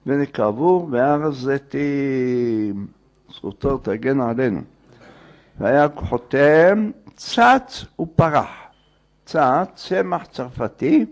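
A man telling a folk tale aloud in a lively, digressive way, acting out the characters. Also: medium pitch. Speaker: storyteller. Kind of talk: oral folk tale storytelling.

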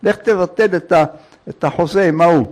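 A man's voice: high-pitched, a little mellow, lightly acted. A man voicing a shrewd male peddler who hawks his remedies and bargains hard. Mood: bargaining. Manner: hawking, bargaining.

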